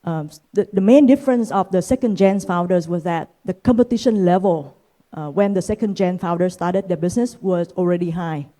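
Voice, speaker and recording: Her voice is on the low side and dark in tone. The speaker, a venture capitalist from Vietnam in her thirties, gives a measured keynote at a conference, dropping in "uh" again and again.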